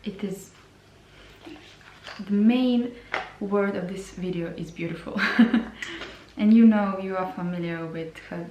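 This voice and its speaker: A woman reviewing lip products in a slow, hesitant way, often repeating her words. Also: mid-range voice, a little mellow, slight background noise. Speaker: beauty vlogger. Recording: roomy sound from a distance.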